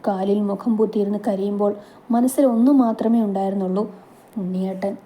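A woman storyteller narrating a romantic story in a soft, emotional way. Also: mid-range voice, steady tone, a little fast.

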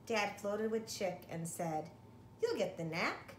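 A middle-aged woman reads a picture book aloud to young children, slowly and expressively, with big swings in her medium-pitched voice, like a teacher addressing her class. She's in her living room, picked up by a camera or phone a short distance away, and the recording is roomy with faint noise.

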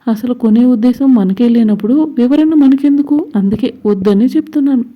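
Woman as middle-aged mother, firm, dismissive, high-ish voice, lo-fi. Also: a little fast, close to an everyday voice. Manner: firm refusals.

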